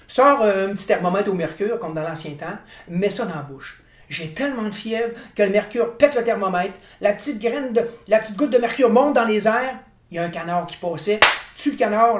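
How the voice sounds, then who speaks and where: A man in his sixties with a Quebec French accent, telling a tall tale in an animated, theatrical oral style. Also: high-pitched. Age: 60s. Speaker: storyteller. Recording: roomy, echoing room.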